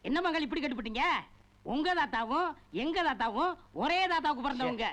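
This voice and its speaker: A man's voice: very high-pitched, fast talker, a bit bright. A man playing a fawning, scheming village relative and father in a film comedy, pleading and coaxing. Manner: fawning, pleading, repeats the same address.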